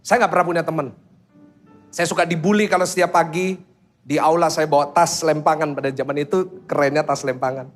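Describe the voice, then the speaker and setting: A man preaching a sermon as pastor, telling stories, acting out children's voices, and quizzing the congregation with quick questions. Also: a little high, steady tone, faint music behind. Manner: storytelling that acts out children's voices.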